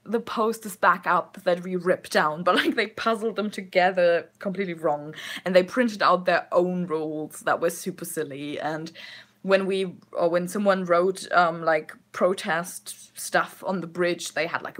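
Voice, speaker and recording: A woman's voice: on the low side, fairly bright tone. A young woman vlogger telling stories in a casual, rambling way, with many fillers and frequent giggles. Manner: giggly, laughs often while telling stories. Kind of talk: casual storytelling.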